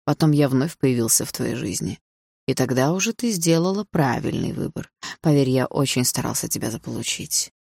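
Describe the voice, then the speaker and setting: A woman's voice: rumbling low, expressive, normal speed, creaky, darkish tone, slightly rough, dry recording, studio quality, heavily acted. A woman reading an audiobook, voicing a smug, possessive adult man who taunts coldly and sneers. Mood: smug menacing.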